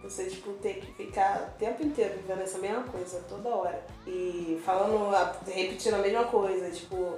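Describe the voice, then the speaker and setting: A woman's voice: medium pitch, fairly even intonation, brisk, hardly any pauses, darkish tone. A young woman co-hosting a podcast, who tells a story in a rambling way and fills it with lots of fillers. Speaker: podcast co-host. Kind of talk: casual chat. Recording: very echoey room, faint music.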